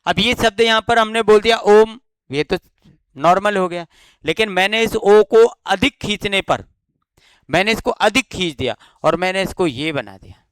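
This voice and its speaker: Clear-voiced man teaching grammar. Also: high voice, lively intonation, a bit bright, no echo. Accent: Rajasthani Hindi. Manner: explanatory, asks and answers his own questions, drawn-out demonstration sounds. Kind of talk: exam-prep grammar lesson.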